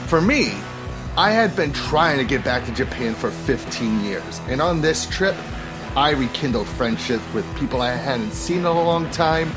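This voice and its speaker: A man's voice: medium pitch, lively intonation, normal speed. A man hosting a podcast in a scripted, theatrical emcee style, playing up a mock-king persona, with music behind him. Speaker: podcast host. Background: background music with guitar.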